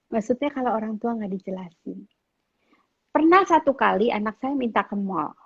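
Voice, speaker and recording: A middle-aged mother speaks to teenagers, and she tells family stories with lively, acted-out dialogue. Her voice sits fairly high and sounds husky. The audio is dull and muffled, like a lo-fi online call. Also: normal speed. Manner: animated storytelling, acts out quoted family members. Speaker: guest speaker on parenting. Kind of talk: casual advice talk to teenagers.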